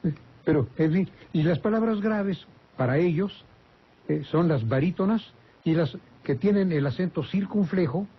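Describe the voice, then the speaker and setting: Husky older Mexican man explaining grammar. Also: high voice. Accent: Mexican Spanish. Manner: slow, explanatory, many hesitations and self-corrections. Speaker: language expert answering listener questions. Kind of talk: radio call-in chat. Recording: dull lo-fi radio broadcast.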